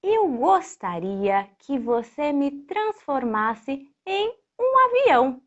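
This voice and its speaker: A woman's voice: sits high, very animated, takes it slowly, dull audio, heavily acted. A woman voicing a wistful storybook kite that longs to be a plane, with a pleading, childlike delivery. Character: wistful talking toy kite longing to be a plane.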